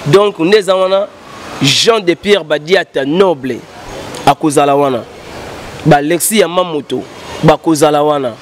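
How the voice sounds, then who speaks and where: Speaking into a handheld mic the interviewer holds, a thirtysomething musician on an outdoor set with a painted backdrop rambles through animated stories, flipping between French and Lingala at speed and gesturing broadly. His voice is a little high, with slight background noise.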